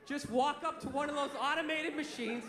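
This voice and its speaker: A middle-aged man doing a stand-up comedy rant in a loud, sharp, exasperated and profane way. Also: very high voice, fairly even intonation, brisk. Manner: profane, blunt. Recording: echoey live stage, noisy crowd.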